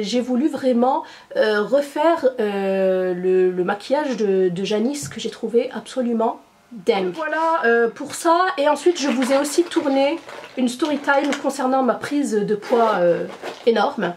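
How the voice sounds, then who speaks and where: Mellow-voiced woman vlogger. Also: a little high, expressive, unhurried. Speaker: beauty and lifestyle vlogger. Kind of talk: casual vlog chat to followers.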